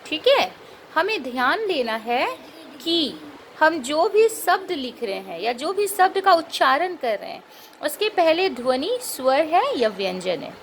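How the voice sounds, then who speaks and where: Woman teacher, patient grammar explanation, spells sounds out slowly, faint background noise. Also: high-pitched, very animated. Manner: patient, checks in with rhetorical questions.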